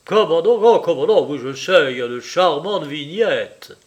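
A man reading an audiobook, voicing a smug middle-aged general who speaks with loud, hearty, mocking politeness. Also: a little high, animated, moderate pace, muffled recording, close to an everyday voice.

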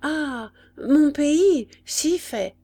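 A woman's voice: high voice, expressive, drawn-out words, mellow, voice pushed up, full character voice. A woman voicing a frightened, ragged young peasant mother who answers hesitantly. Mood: timid. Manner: timid, hesitant replies.

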